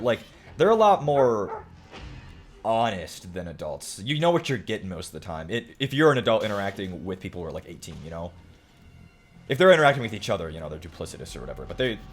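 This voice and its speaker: A man in his late twenties streaming a game, chatting casually and joking while he reads his chat aloud. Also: fairly low pitch. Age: late 20s.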